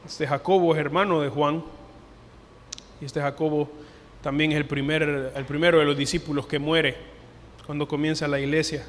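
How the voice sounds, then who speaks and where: A man preaching a sermon as pastor, earnest, lifting his voice for emphasis and dropping it softly for quoted words. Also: fairly high pitch, slight background noise. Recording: long hall reverb.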